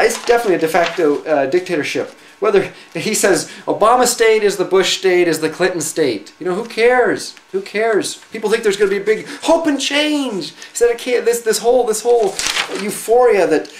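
A man giving casual spoken commentary on an essay he is reading, talking in a rambling, conversational way with sarcastic asides and frequent restarts. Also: sits high. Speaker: vlogger introducing a reading-list article. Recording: echoey room.

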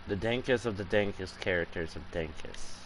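A goofy young-sounding gamer talking casually while he plays, full of jokes and slang. His voice sits fairly low, with a faint hum of noise behind it. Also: moderate pace. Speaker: gaming channel host. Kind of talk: casual gaming chat.

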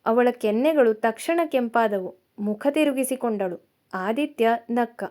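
A woman narrating a romance story in a calm, measured storytelling manner. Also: on the high side.

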